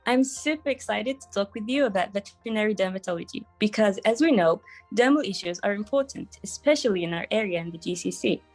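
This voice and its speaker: A woman's voice: mid-range voice, lively intonation, quick pace, a little mellow, faint music behind. A young woman co-hosting a podcast, reading prepared interview questions in an eager, upbeat way. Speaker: podcast co-host.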